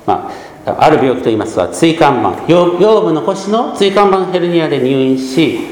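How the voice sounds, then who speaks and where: A pastor in his fifties from Gunma gives a measured sermon, pausing often with soft hesitations. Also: on the high side, expressive, roomy sound, long reverb tail, poor audio. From Gunma, Japan. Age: 50s.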